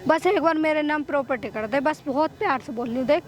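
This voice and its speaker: A woman's voice: very high voice, moderate pace. A woman playing a cruel, greedy young daughter-in-law who scolds and threatens her mother-in-law in a staged outdoor skit by a river. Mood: wheedling. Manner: scolding, threatening, repeating orders.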